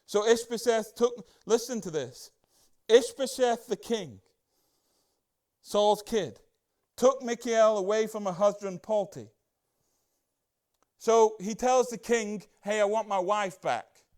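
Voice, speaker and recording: A man preaching a casual Bible-study sermon as a church pastor, chatty and excitable, full of rhetorical questions and asides. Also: sits high, slow, pauses often.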